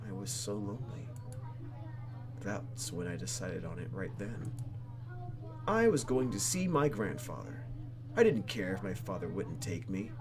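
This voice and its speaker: A let's play host reads a video game's story aloud in a playful, theatrical way, breaking off for asides as he hosts. His voice is lowish, with background noise.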